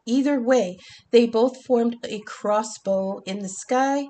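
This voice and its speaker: Her voice is a little high, slow and mellow as this tarot reader, congested from the flu, gives a chatty tarot and astrology reading. She stumbles through ums and restarts and curses casually here and there.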